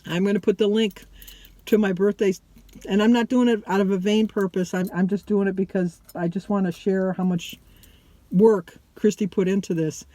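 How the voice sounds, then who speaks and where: A mature woman talks casually to her online viewers. Her delivery is chatty and loose, wandering from one thought to the next and often restarting sentences. Her pitch sits in a middle range. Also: steady tone, moderate pace, dark tone, no echo, poor audio. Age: middle-aged or older. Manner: chatty and rambling, often breaking off mid-sentence. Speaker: vlogger.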